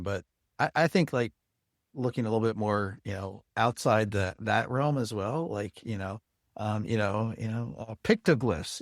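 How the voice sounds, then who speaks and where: A man's voice: fairly low pitch, no echo, clean studio sound. Rambling man hosting a podcast. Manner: rambling, many fillers like "you know". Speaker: podcast host. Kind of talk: casual interview chat.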